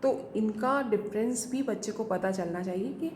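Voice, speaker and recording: A woman teaching a phonics lesson to parents, slowly sounding out simple words letter by letter. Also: mid-range voice, a little mellow. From India. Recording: echoey room, faint noise.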